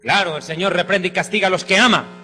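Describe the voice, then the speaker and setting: A man's voice: sits high, fast talker, pushed and bright. A man preaching a sermon with fervent, exclamatory emphasis. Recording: reverberant hall with faint music.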